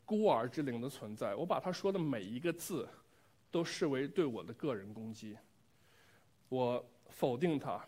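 Male preacher, mid-range voice, earnest and reflective, delivering a sermon with personal testimony and direct questions to the congregation. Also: medium pitch.

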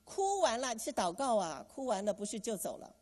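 A woman's voice: on the high side, very animated, moderate pace, darkish tone, husky, big-room sound. A woman preaching a sermon, asking the congregation questions and having them repeat phrases back.

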